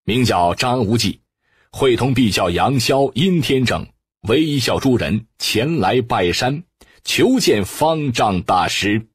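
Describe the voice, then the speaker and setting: A man voicing a calm, commanding young male sect leader in an audiobook. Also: medium pitch, husky, dry recording, studio quality. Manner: measured, ringing and commanding.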